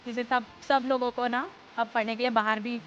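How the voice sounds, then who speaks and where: A woman's voice: a little high, flat delivery, a little fast, highs cut off, slight background noise. A woman from a city in central India, speaking reflectively with fillers as a resident in a vox-pop testimonial. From Durg, Chhattisgarh, India. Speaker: resident interviewee. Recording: loud music bed under the voice.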